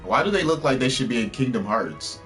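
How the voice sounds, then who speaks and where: A man's voice: mid-range voice, sing-song, fairly quick, a bit bright, faint music behind. A man casually commenting on a game he is playing, chatty and wisecracking as he reacts to the screen. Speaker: streamer. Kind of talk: casual let's play commentary.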